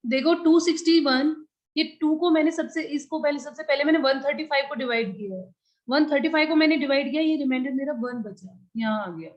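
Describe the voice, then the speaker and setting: A woman's voice: high-pitched, fairly quick, low-quality recording. A woman teaching a live online class, explaining each step patiently and calling her students dear.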